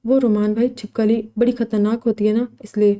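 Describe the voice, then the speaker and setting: A woman's voice: on the high side, little pitch movement, warm tone, close to an everyday voice. Woman reading as a skittish young woman. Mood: nervous. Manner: nervous and grumbling.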